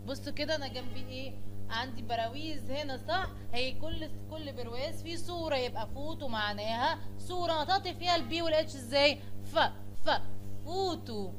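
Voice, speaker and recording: High-voiced Egyptian woman teaching English. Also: fairly bright tone. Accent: Egyptian Arabic. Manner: slows right down to read English phrases, then translates; spells out sounds by repeating them. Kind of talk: classroom lesson explaining English vocabulary.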